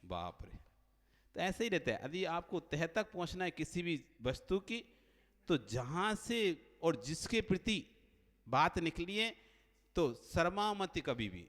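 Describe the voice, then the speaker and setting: Male monk preacher, high voice, lively storytelling sermon with acted dialogue, long hall reverb. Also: slow. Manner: animated storyteller acting out dialogue.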